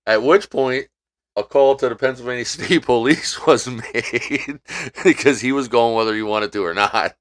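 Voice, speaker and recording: A man's voice: mid-range voice, normal speed. A man co-hosting a casual podcast who recounts events in a wry, matter-of-fact way, with some swearing. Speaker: podcast co-host. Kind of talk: casual storytelling chat.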